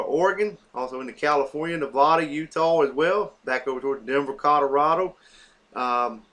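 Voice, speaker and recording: A man's voice: medium pitch, pushed and bright. A man hosting a weather forecast, talking through maps off the cuff with many fillers and self-corrections as he runs down a list of places. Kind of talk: unscripted weather map walkthrough.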